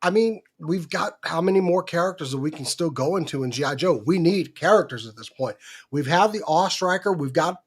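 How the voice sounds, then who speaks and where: High-voiced man telling stories animatedly. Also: lively intonation, fairly quick, husky. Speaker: co-host. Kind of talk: casual livestream chat.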